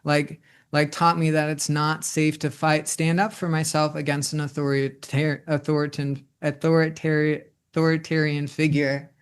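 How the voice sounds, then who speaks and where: A man's voice: on the high side, monotone, normal speed, smooth. A man in his twenties speaking reflectively in a personal monologue, rambling with many restarts and filler words. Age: 20s. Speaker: host.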